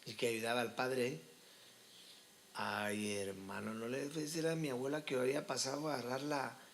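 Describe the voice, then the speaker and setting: A man's voice: medium pitch, fairly bright tone. A male pastor preaching a sermon, telling his story and calling listeners brother. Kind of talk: sermon testimony.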